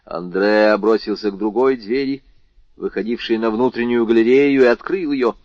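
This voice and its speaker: A man narrating an audiobook with dramatic, expressive storytelling. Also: lowish voice, moderate pace, dry recording. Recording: dull lo-fi recording.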